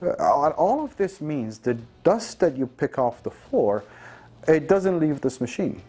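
A man's voice: a little high, sing-song, measured pace, warm tone, slightly rough. A man in his thirties presenting a vacuum cleaner in a studio, explaining its features in an upbeat sales manner with occasional fillers. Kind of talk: product demonstration. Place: dark studio showroom, indoors.

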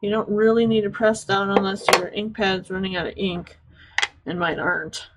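A woman's voice: mid-range voice, fairly even intonation, moderate pace, slight background noise, low-quality recording. A woman hosting a casual craft tutorial, chatty and explaining as she works, sounding slightly congested and sniffly. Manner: chatty, explains while working. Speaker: craft video host.

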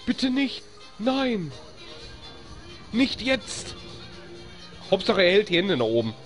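Giddy German let's-play gamer, lively pitch. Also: slow pace, faint music behind. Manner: giddy, cheers and laughs often, complains when stuck. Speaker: live-stream gamer. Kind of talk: excitable let's-play commentary.

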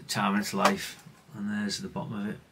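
Heavy background noise sits under a low, monotone, fairly quick male voice. It's a middle-aged British man presenting hobbyist radio repair in an unscripted hands-on demo, rambling, self-deprecating, and mildly sweary.

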